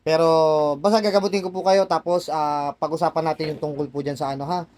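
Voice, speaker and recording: Here the healer's voice sits on the high side, steady in tone, quick and a little mellow. He grills a spirit insistently, pushing with "ha?" again and again, then turns to explain things to those watching, caught on a distant mic with faint noise behind.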